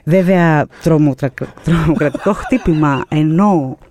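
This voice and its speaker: A woman guest, a producer, telling an anecdote in a lively, expressive way with many fillers and pauses. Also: low voice. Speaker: producer and artistic director, guest. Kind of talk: animated storytelling anecdote.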